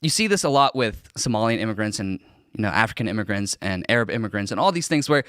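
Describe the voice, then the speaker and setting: A man's voice: lowish voice, big pitch swings, fast talker, a bit bright, no echo, clean studio sound. A young man from Korea, a podcast guest, talking earnestly and emphatically on a political panel, often repeating himself for stress.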